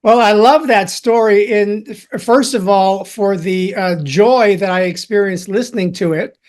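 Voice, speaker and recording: A man from Chicago hosting a podcast interview, talking in an enthusiastic, reflective way with thoughtful pauses. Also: sits high, darkish tone. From Chicago, USA. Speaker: podcast host. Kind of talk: conversational interview.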